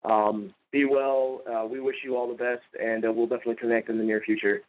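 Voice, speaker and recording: A podcast host with a medium-pitched voice and little pitch movement talks a bit fast as he closes his show casually. He thanks everyone effusively and rambles through his sign-offs with fillers and restarts. The audio sounds like a narrow phone line.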